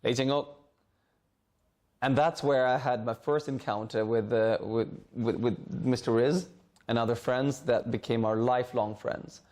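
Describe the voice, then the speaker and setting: A man's voice: medium pitch, steady tone, measured pace, darkish tone. Man, middle-aged, from Hong Kong, alumnus speaker, earnest, repeats words, seated in a school library, mic a few meters off. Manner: earnest, repeats words while searching for phrasing. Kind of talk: informal talk to students.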